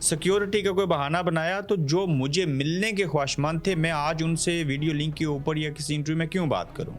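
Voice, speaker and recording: A male host puts direct, probing questions to his guest. His voice sits a touch higher than most men's. A faint bed of music runs underneath. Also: steady tone, a little fast. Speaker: host, interviewer. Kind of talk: interview questions.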